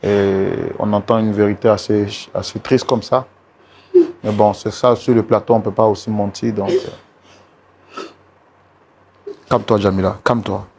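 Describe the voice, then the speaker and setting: A man hosting a talk show, trying to calm a distressed guest and repeating the same pleas over and over. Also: on the low side, measured pace, pauses often, a little hiss or hum. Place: TV studio set.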